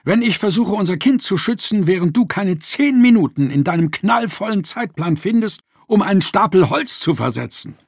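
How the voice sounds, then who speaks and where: A man voicing a frightened, furious young mother who shouts shrill accusations, in an audiobook reading. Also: expressive, normal speed, hardly any pauses, slightly rough, no room sound, clean studio sound.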